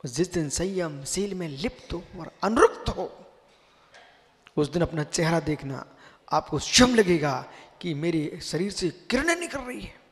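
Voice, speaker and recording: A middle-aged monk preaching a live sermon to an assembly, emphatic, swinging between quiet asides and loud bursts, asking listeners questions directly. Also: male voice, on the high side, measured pace. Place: large hall before a seated assembly. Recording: long reverb of a large hall.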